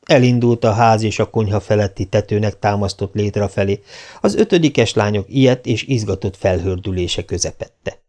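A man reading an audiobook aloud in a measured, steady way. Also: on the low side. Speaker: audiobook reader. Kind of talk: scripted narration.

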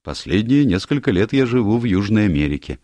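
A man voicing a stiff, old-fashioned gentleman captain in an audiobook, prim and hesitant. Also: on the low side, very animated, a little fast, dry recording, voice pushed up. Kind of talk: audiobook character voice.

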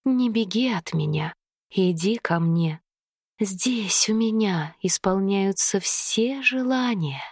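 Woman doing a creepy river creature lady, low slow breathy whisper, sweet and hungry, storybook. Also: lively intonation, a little mellow, dry recording, studio quality. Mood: coaxing whisper. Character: seductive female river creature, half fish, sly and hungry.

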